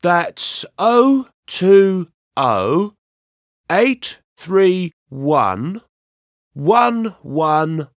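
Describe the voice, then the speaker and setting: A man acting a polite person taking down a phone number in a scripted course dialogue, repeating digits clearly and carefully. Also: high-pitched, very animated, drawn-out words, dry recording, clean studio sound, full character voice.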